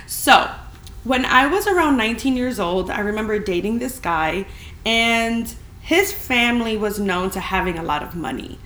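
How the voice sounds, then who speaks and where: A woman's voice: on the high side, animated, normal speed, fairly bright tone. Woman podcaster in a big, echoey room. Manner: candid, informal, emphatic storytelling. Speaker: podcast host. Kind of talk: casual chatty solo podcast. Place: friend's spacious apartment, indoors. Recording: big echoey room, clear background noise.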